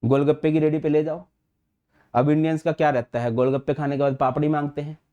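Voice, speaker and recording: A man giving an online chemistry class, chatty and friendly with students, mixing terms into his speech and slowing down to dictate notes. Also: on the high side, level tone, mellow, clean tone, lo-fi sound. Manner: chatty, addresses students as beta and bhai, mixes English terms into Hindi; slows to dictate notes word by word. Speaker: chemistry teacher.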